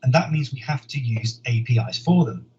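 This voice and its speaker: A man, a software engineer, giving a conference talk in an earnest, explanatory way, often repeating words as he thinks. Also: medium pitch, fairly quick. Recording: dull lo-fi sound with faint noise.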